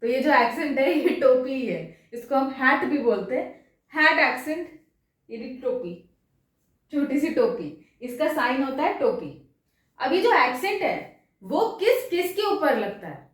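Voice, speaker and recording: A woman's voice: high-pitched, expressive, unhurried. A woman teaching a French class in a chatty way, asking her students questions as she explains. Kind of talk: classroom lesson. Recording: echoey room, mic far off.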